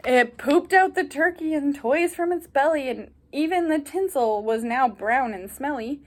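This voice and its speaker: A woman whose voice sits high reads a children's picture book at a measured pace, in the manner of a teacher. She is animated and pauses for asides and questions aimed at her young listeners.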